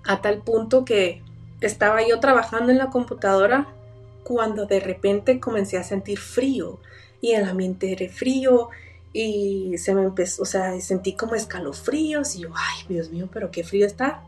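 Young woman, earnest halting storyteller, a little off-mic, soft music under. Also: mid-range voice. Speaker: guest telling a personal story. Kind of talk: personal paranormal testimony. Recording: voice a bit far from the mic, faint music behind.

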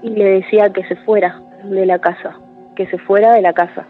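A woman's voice: mid-range voice, steady tone, brisk, soft background music. A woman, a caller telling a true story in a chatty way with lots of tag questions. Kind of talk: casual storytelling. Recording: tinny phone line with faint noise.

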